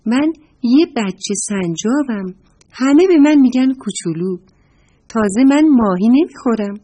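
A woman's voice: animated, dark tone, breathy edge. Woman playing an indignant little squirrel cub. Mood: eager. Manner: high indignant childlike piping. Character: small proud baby squirrel who hates being called little.

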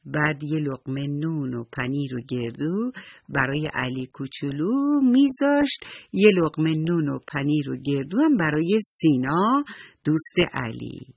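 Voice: mid-range voice, lively intonation, gravelly, slightly rough, dry recording, muffled recording. Affectionate storyteller for young children. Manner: affectionate, addresses children directly.

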